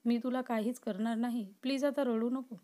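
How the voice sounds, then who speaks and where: In a storybook reading, a woman voices an obsessive, possessive young man who swings from pleading to threatening with real intensity. Her voice sits a little high and has a dark, steady tone close to everyday speech, at a normal speed.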